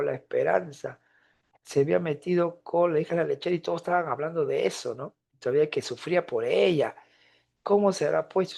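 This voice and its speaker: Gravelly man teaching literature. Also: fairly high pitch. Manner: animated storyteller, acts out characters, asks students questions. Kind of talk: classroom lecture retelling a novel.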